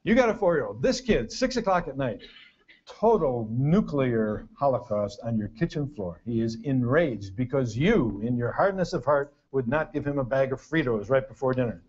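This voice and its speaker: A man's voice: medium pitch, expressive, normal speed, a little mellow, husky. An older man giving a humorous parenting lecture to an audience, with a dry storytelling delivery and punchy lists. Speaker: parenting workshop speaker. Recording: dull lo-fi recording of a talk.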